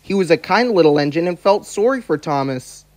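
A man narrating a children's story in a gentle, measured storybook style. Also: fairly high pitch, lively intonation.

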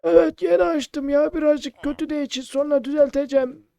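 A man voicing an old male market shopkeeper, fussy and pricey, in a loud, high, strained old-man voice for a game role-play. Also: steady tone, a little fast, creaky, no room sound. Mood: welcoming.

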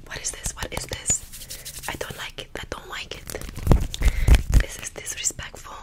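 A young woman whispers ASMR close to the microphone. Her delivery is fast and aggressive, looping short phrases in quick, breathy repetitions. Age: 20s. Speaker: ASMR host. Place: small bedroom indoors. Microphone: close desktop condenser microphone.

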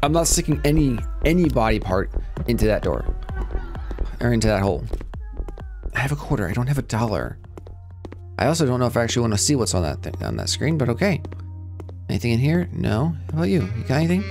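A man's voice: medium pitch, sing-song, fast talker, pauses often, a little mellow. A man commenting on a horror game as he plays, jumpy and joking, talking back to the characters on screen. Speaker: let's play gamer. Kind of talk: playthrough commentary. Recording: game music playing behind. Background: clear game music.

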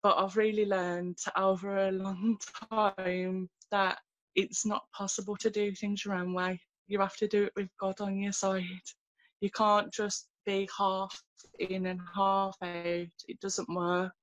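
A woman, sharing her faith story on a video call from home, earnest and halting with many fillers and restarts. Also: mid-range voice, little pitch movement, no room sound, highs cut off. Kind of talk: personal testimony in a video call. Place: small room at home, indoors. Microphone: laptop webcam on a video call.

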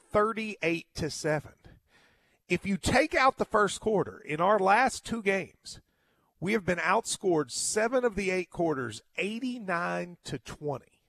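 Higher-pitched man. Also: a bit bright, no echo. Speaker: sports radio host. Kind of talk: postgame sports monologue.

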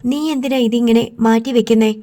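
A woman's voice: a little high, steady tone, moderate pace, warm tone, lightly acted. A woman reading an audiobook, voicing a strict, protective grandmother who scolds and insists. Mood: stern.

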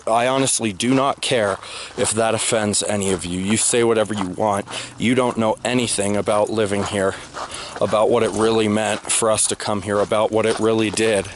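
A man's voice: on the low side, steady tone, normal speed, a little hiss or hum. A young man vlogging outdoors on a walk, talking bluntly and insistently, repeating his points. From United States. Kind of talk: opinionated monologue on a walk. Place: outdoors under open sky. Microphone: handheld camera held low at arm's length.

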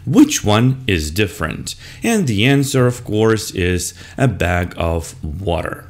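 A man's voice: lowish voice, sing-song, slow pace. An older man, an English teacher, talks other teachers through a slide lesson step by step, modelling the words and answers as he goes. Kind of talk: screen-recorded lesson walkthrough. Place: indoors at a computer.

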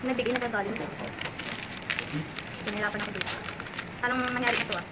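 A Filipino woman vlogger in casual, teasing chat, quick to laugh. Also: on the high side, steady tone, very noisy.

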